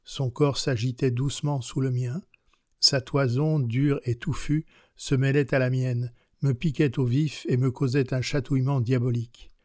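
A man gives a natural reading as a young countess, worldly and passionate, in a classic-novel audiobook. The tone is one of recounting, delivered steadily and without hurry, in a dry, studio-quality recording.

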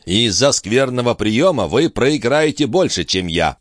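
A man reading an audiobook, voicing a breezy, impudent gentleman. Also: medium pitch, very animated, measured pace, no room sound, clean studio sound, pitched above the performer's own voice. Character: cheeky, insolent grown man, the countess's brother-in-law.

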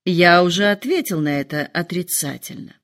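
A woman voicing a calm, quietly amused middle-aged father who teases his family in a dry tone. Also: on the low side, normal speed. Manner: dry, calm, lightly mocking.

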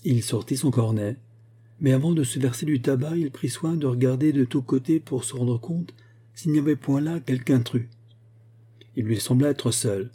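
A man reading a fantastic folk tale aloud as narrator, in a lively storytelling manner. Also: mid-range voice, moderate pace, breathy edge. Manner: lively storytelling, voicing the grandfather's lines.

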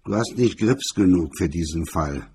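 Brief: a brutish drunk cop who bellows and sneers, husky and low, a man doing the voice. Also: animated, moderate pace, dark tone, heavily acted. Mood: blustering. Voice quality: rough, booming voice. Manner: barking, contemptuous. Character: drunk, bullying, loud male cop.

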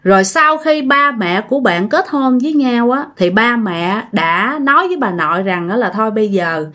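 A woman retelling a ghost story in a chatty, unhurried way. Her voice sits a little high for a woman, and she keeps tacking soft fillers onto her phrases. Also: animated. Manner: conversational, trailing "á" fillers.

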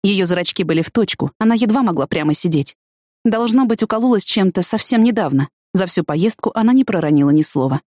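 A woman's voice: medium pitch, animated, a little fast, a little mellow, no room sound, clean studio sound. Woman narrating a first-person audiobook.

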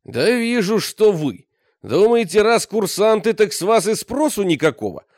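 A man's voice: high-pitched, very animated, moderate pace, a little mellow, dry recording, studio quality, pitched above the performer's own voice. A man voicing a stern, burly Red Army commander who barks orders. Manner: barking, gruff.

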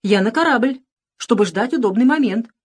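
A woman's voice: fairly high pitch, lively intonation, moderate pace, husky, pitched above the performer's own voice. A woman voicing a dim-witted, cheerful male space pirate who talks eagerly and whines. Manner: eager, whining.

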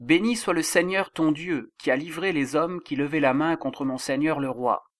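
A man's voice: a little high, normal speed, fairly bright tone, no room sound, studio quality, natural voice. A man voicing an eager young male messenger who pleads to run with the news.

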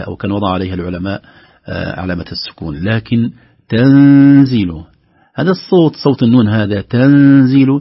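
Husky-voiced man teaching Quran recitation. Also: lowish voice, dry recording, lo-fi sound. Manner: patient, explanatory, slows and lifts his voice to demonstrate recited words. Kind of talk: explaining Quran recitation rules with recited examples.

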